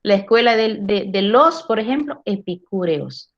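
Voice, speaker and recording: A woman's voice: mid-range voice, lively intonation, measured pace. A woman teaching a philosophy class. She often checks in with tag questions and repeats words while she gathers her thoughts. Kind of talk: class lecture. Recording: dull lo-fi recording.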